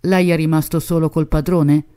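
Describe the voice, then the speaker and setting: Brief: a woman playing a brusque police chief, clipped, soft-toned voice. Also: low-pitched, level tone, moderate pace, lightly acted. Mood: questioning. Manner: curt, questioning. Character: stern male police commissioner.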